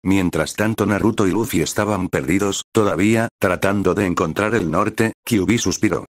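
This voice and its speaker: A man reading a fan story aloud in a flat, steady way, stumbling now and then. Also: deep voice, normal speed, no echo, clean studio sound. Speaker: reader of fan fiction.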